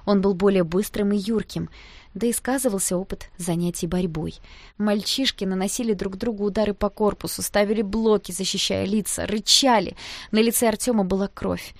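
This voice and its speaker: A woman reading a first-person audiobook aloud, with a lively, expressive delivery on a close mic. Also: mid-range voice, normal speed, no room sound. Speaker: audiobook narrator.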